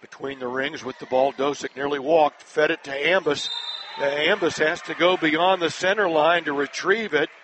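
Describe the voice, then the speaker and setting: A man announcing a live high school basketball game play-by-play, brisk and climbing higher and louder when a play breaks open. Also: fairly even intonation. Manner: brisk, rising sharply in pitch and volume on big plays. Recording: broadcast with loud crowd noise.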